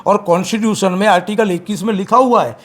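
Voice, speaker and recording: A man speaking as an activist in an interview, forceful and repeating his points with emphasis. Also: high voice, fairly even intonation, fast. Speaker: campaign activist. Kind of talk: interview, political criticism.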